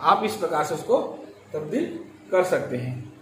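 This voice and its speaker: A male teacher explaining English grammar slowly, repeating key words and drawing out his examples. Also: on the high side, sing-song. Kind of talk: grammar lesson. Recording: echoey room with faint ambient noise.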